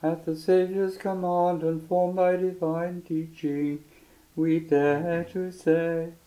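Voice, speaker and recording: Solemn priest, even voice in echoing church. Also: male voice, on the high side. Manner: measured, solemn. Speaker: priest presiding at Mass. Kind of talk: liturgical prayer recitation. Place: large church.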